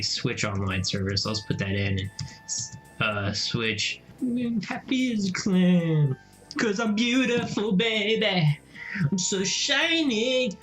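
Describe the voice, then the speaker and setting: A young man hosting a casual gaming vlog, talking excitedly and breaking into mocking silly voices. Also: mid-range voice. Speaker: gaming video host. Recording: echoey room, faint music.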